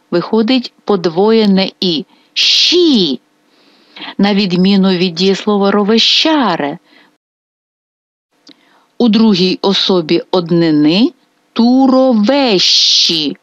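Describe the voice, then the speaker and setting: A woman teaching a grammar lesson on video, spelling out verb forms slowly and with care. Her pitch rises and falls a lot as she stresses each ending. The sound is dry and a little dull and lo-fi. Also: dry recording. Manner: slow, careful drilling of verb forms. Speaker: Italian language teacher.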